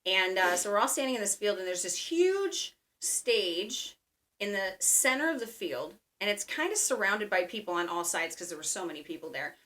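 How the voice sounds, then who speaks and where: A woman with a bright, forceful tone tells a long personal story in easy conversation. She talks in a chatty way, leaning on fillers as she goes. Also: mid-range voice, very animated, moderate pace. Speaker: dreamer guest.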